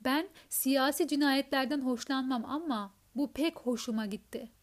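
Gruff teasing old general, read in a woman's high voice. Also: moderate pace, lightly acted. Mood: blustering. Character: elderly retired army general, gruff and teasing.

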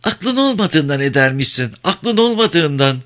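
A man's voice: fairly high pitch, sing-song, measured pace, a bit bright, voice pushed up. A man reading a novel aloud, voicing a worldly, outspoken woman who talks bluntly. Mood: mocking. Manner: blunt, unabashed and mocking. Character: brash, worldly woman, a seasoned streetwalker.

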